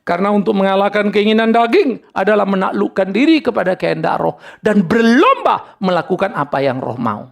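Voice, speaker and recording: Animated gravelly older male preacher. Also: sits high, a little fast, hardly any pauses. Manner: animated preaching, acts out quoted people, drops in English words. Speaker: pastor. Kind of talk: sermon.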